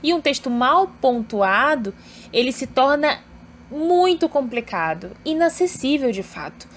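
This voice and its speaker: A woman's voice: sits high, big pitch swings, measured pace, slight background noise. A woman teaching an online grammar lesson, explaining step by step and often checking in with her students.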